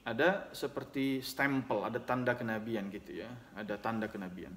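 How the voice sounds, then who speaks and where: A man's voice: medium pitch, steady tone, moderate pace, fairly bright tone, a little hiss or hum. A man giving a religious lesson, reciting Arabic hadith text and then explaining it at length, often adding "ya" between phrases. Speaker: Islamic teacher.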